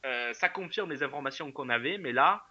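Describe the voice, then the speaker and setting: Bright-voiced hesitant French wrestling co-host. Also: male voice, medium pitch, expressive, brisk, no room sound, highs cut off. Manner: hesitant, many fillers and restarts. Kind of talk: casual podcast chat.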